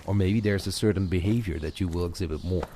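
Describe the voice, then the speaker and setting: In a guided walking audio session, a low-pitched man coaches one listener, conversational and encouraging with playful asides, speaking quickly in a dark tone. Faint but clear background sounds of an outdoor walk were added: footsteps, garden birds and ambience.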